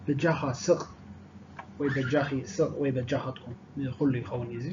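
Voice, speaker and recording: A man with Tigrinya as his first language, teaching simple phrases by saying each one twice, slowly and clearly, then translating it quickly in a softer voice. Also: medium pitch, fairly even intonation, highs cut off, noisy background.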